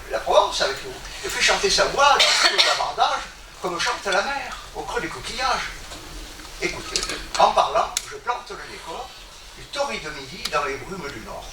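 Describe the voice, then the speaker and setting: A man reciting a poem aloud to a gathering in a declamatory, expressive way. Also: sits high, moderate pace. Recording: echoey room from a distance, background noise.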